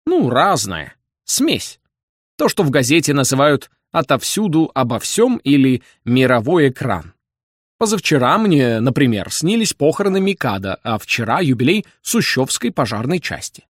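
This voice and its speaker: A man voicing a confident, smooth-talking male con man who speaks in a genial, playful way. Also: medium pitch, big pitch swings, moderate pace, no echo, clean studio sound. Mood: glib.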